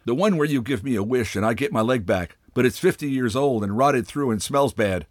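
A man voicing a bitter, pompous old father with a wooden leg, speaking with sardonic, drawn-out mockery in a storybook reading. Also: medium pitch, no echo, clean studio sound, voice pushed up, natural voice. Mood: scornful.

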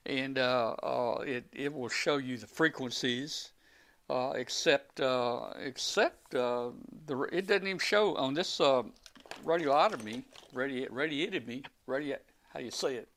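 A man's voice: medium pitch, a little slow, fairly bright tone. A man chatting live on a ham radio show, rambling through technical explanations with many restarts. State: out of breath. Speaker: guest ham radio operator. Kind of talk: casual live show chat.

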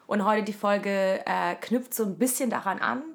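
A woman's voice: medium pitch, normal speed, gravelly. A woman with a mild head cold co-hosts a podcast, talking informally and mixing in English terms. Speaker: podcast co-host. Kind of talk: casual conversational podcast chat.

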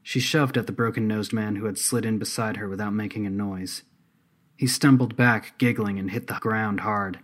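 A man narrating a scripted story in a steady, measured way. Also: on the low side.

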